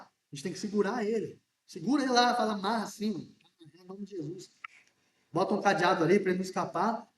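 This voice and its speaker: A male pastor preaches a sermon in a casual, joking way, firing questions at his congregation. His voice sits high, and he talks loudly because he is hard of hearing. He is picked up from some way off in an echoing church hall. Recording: echoey church room from a distance.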